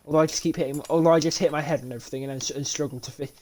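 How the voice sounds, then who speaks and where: A man's voice: a little high, a little mellow. A young man from Britain giving casual, rambling commentary while playing a car repair game live, talking to himself with frequent restarts and laughs, a bit sleepy. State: sleepy, yawning. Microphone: desk mic with webcam.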